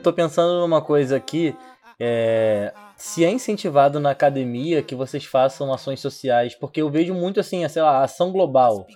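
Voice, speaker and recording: A man's voice: a little high, moderate pace, dark tone, faint music behind. A man with a Brazilian Portuguese accent talking casually as a podcast co-host.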